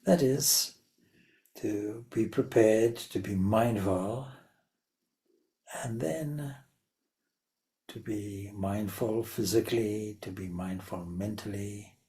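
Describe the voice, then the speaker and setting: A spiritual teacher leads a guided meditation, speaking deliberately in short phrases separated by long pauses. His voice is mellow and on the low side.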